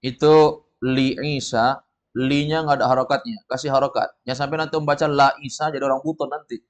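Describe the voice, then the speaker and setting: A man teaching an Arabic class in a casual, patient way, reassuring his students and slowly modeling pronunciation. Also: medium pitch, flat delivery.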